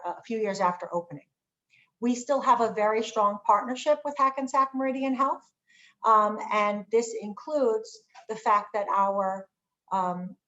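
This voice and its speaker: Female academic presenter, mid-pitched, explanatory and hesitant, slightly muffled call audio. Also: a bit bright. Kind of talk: informational presentation with frequent hesitations. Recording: dull lo-fi video-call audio.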